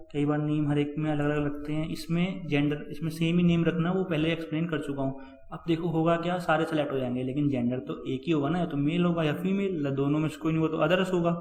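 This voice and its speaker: Man, coding tutor, casual and repetitive, slightly high voice, roomy echo. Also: darkish tone. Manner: chatty, addresses viewers as guys and brother, repeats himself. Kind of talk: screen-recorded coding lesson.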